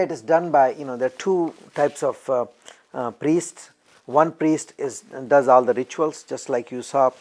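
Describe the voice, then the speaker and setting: Man, Indian English accent, documentary interview, measured explanations, many filler words. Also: mid-range voice, darkish tone. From New Delhi, India. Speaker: temple member.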